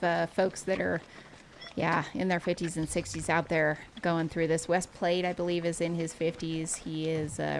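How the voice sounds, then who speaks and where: A woman with a lower voice calls a long race live, chatty and openly excited. Her voice comes over a noisy stream with steady hiss behind it. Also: creaky. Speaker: livestream race commentator. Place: away from the race course.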